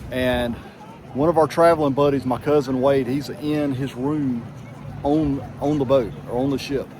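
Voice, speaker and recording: Speaking at a moderate pace in a steady, medium-pitched tone, this travel vlogger narrates his outdoor trip with easygoing, folksy charm. Music and crowd sounds fill the background as he moves along walkways, onto a boat and across an island.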